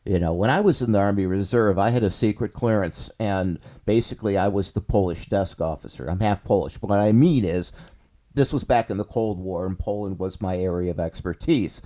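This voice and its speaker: Brief: middle-aged male podcast co-host, mellow dark tone, indignant and emphatic. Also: low-pitched, fairly quick. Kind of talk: casual podcast chat.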